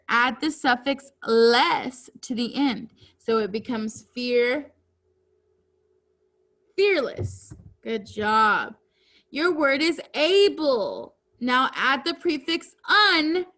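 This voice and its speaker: A woman teacher giving a reading lesson to children, speaking deliberately and enunciating each word clearly. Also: high voice, very animated, pushed and bright.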